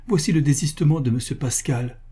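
A man voicing a gentle, shy young wife in a story reading, soft and hesitant. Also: fairly high pitch, fairly quick, husky, pitched above the performer's own voice.

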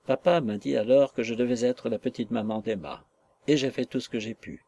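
A man's voice: medium pitch, steady tone, fairly quick, creaky, warm tone. A man reading the part of a serious, brave young working girl in an audiobook, speaking politely and earnestly. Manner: earnest, polite and plain-spoken.

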